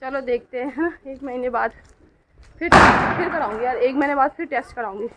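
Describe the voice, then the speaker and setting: Heavy background noise accompanies this middle-aged family vlogger as she talks briskly in a high voice. Her casual narration to camera, filmed at home and on city streets, is homely and full of questions tagged for viewers.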